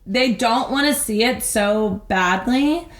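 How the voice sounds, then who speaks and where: A woman co-hosting a podcast in casual chat, talking in an animated way and acting out little scenes. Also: fairly high pitch. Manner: animated, acts out little scenes in quick voices. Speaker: podcast co-host. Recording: roomy echo.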